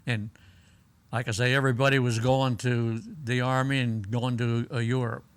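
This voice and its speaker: An elderly American man, a war veteran, remembering his service in halting, plain-spoken stories as he is interviewed. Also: mid-range voice, level tone, clear, resonant tone, no room sound. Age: elderly, 80s or older. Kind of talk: unscripted oral-history reminiscence.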